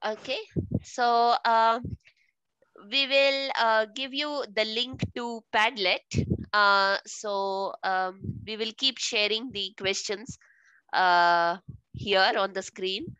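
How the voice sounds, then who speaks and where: A woman's voice: fairly high pitch, fairly even intonation, slow pace, bright, forceful tone, smooth, dry recording, lo-fi sound. A woman facilitating a video call, explaining a task with many filler sounds and hesitations. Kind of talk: giving instructions in a video call.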